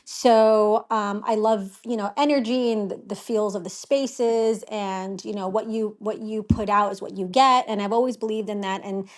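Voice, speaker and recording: A woman's voice: mid-range voice, fairly even intonation, normal speed, few pauses. A woman guest speaks in a casual interview over a remote line. She is an interior designer who talks modestly and chattily, filling her sentences with "you know.". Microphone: phone or remote line.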